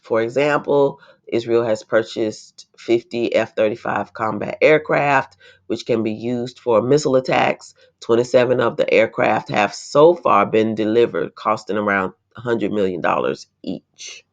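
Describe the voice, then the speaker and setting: An unhurried woman with a bass voice reads from an article, pausing between passages for emphatic, indignant asides. It's a slightly dull, lo-fi recording.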